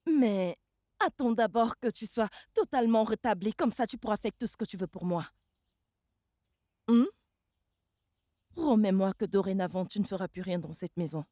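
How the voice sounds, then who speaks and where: A woman's voice: mid-range voice, normal speed, pauses often, dark tone, dry recording, studio quality, close to an everyday voice. An actress playing a young woman who is grieving her mother, speaking in a tearful, pleading way in a French-dubbed film. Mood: tender. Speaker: daughter.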